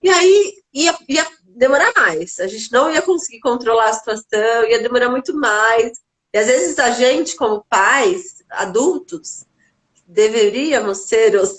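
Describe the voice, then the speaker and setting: A mother chatting casually on a live video call, telling an animated story and acting out the dialogue. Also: on the high side. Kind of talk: casual live-stream chat.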